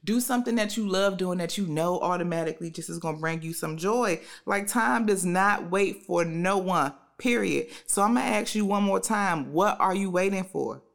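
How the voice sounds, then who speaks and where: Sassy, lower-voiced American woman giving pep talks. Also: moderate pace, gravelly, few pauses. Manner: sassy, emphatic, repeats phrases for punch. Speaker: spiritual motivational host giving card readings. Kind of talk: informal motivational pep talk.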